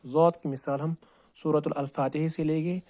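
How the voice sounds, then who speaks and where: A man teaching Quran recitation. He asks and answers his own questions and repeats words slowly, drawing out each sound to show how to say it. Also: fairly high pitch, steady tone, dark tone, dry recording. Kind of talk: tajweed lesson on letter pronunciation.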